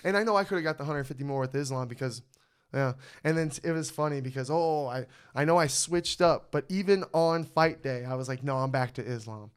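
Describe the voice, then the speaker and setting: Excitable young man, smooth voice. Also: mid-range voice, a little fast. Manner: excited, profane sports fan talk. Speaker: podcast host. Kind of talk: casual chat.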